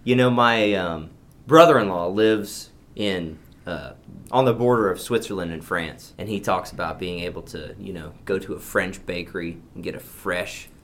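A man's voice: low voice, normal speed, a bit bright, slight background noise. Chatty laughing man co-hosting a podcast. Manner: chatty, laughs easily, muses aloud while eating. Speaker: podcast co-host. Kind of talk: casual chat.

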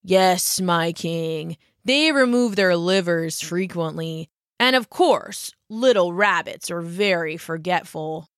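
A woman voicing a gentle, guilty male sea turtle in a storybook, speaking softly and hesitantly. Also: on the low side, lively intonation, slow, dry recording, studio quality.

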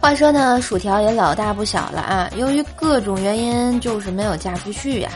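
A woman hosts a comedic podcast, playfully telling funny stories and jokes and laughing often as she goes. Her mid-range voice is expressive and fairly quick, with music playing in the background.

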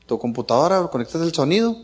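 Mexican dad telling a funny story, kinda high voice, laughs a lot. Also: male voice, sing-song, fast, a little mellow. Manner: joking, chuckling storyteller. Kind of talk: casual anecdote.

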